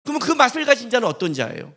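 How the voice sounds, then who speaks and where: Male pastor, high bright voice, animated and jokey, preaching in casual spoken language. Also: rapid-fire. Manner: animated, joking, colloquial storytelling with acted quotes. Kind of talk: sermon.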